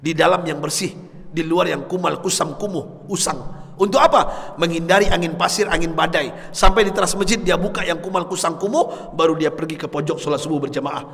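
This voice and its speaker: A man preaching a sermon to a congregation, swinging from hushed tones to loud impassioned cries and calling out to his listeners. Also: fairly high pitch, fairly even intonation, a little fast, creaky. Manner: calls out to the congregation. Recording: long hall reverb.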